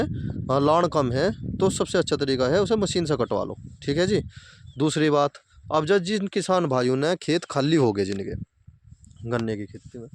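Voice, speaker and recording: A man's voice: a little high, slight background noise. Plain-spoken man advising farmers outdoors. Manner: plain-spoken, repeats points, addresses viewers as farmer brothers. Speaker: farming video host. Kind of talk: casual advice talk to farmers. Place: outdoors by sugarcane fields.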